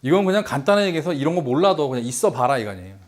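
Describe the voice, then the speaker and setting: Lively lecturing man, animated pitch. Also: very fast. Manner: explains at length, repeats key words, asks rhetorical questions.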